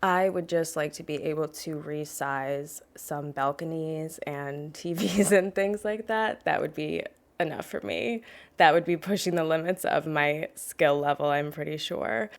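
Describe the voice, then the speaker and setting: A woman host speaking quietly with vocal fry, giving relaxed, chatty voice-over commentary on a game build. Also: deep voice, a little slow. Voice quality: soft-spoken with vocal fry. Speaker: Sims building channel host.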